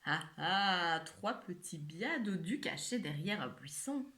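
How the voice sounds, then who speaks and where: A woman's voice: fairly low pitch, expressive, slow pace, bright, forceful tone, full character voice. A woman voicing a sly, greedy male fox with a gloating manner.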